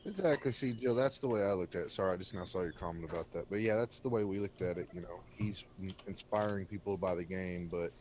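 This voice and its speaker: A man's voice: deep voice, fast talker, hardly any pauses, darkish tone, slight background noise. A man chatting bluntly and rambling on a gaming stream, talking with a cigarette in his mouth. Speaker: game server co-host. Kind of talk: casual gaming stream chat. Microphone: desk microphone by keyboard.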